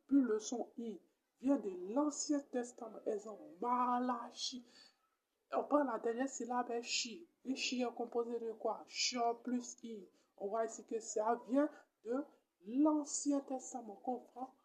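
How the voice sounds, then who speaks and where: A woman with an Ivorian French accent, a comedian giving a mock Bible lesson and repeating each point slowly like a teacher. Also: on the high side, warm tone, husky.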